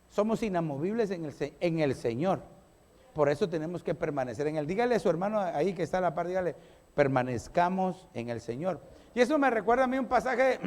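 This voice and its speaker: A male pastor preaching a sermon to his congregation, animated and playful, acting out little everyday scenes. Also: high voice, gravelly, in a large hall.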